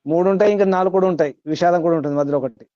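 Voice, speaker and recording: A man's voice: high-pitched, racing, warm tone, no room sound, lo-fi sound. A man giving a spiritual discourse to a class, repeating points, chanting Sanskrit verses and quizzing his listeners. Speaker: spiritual teacher.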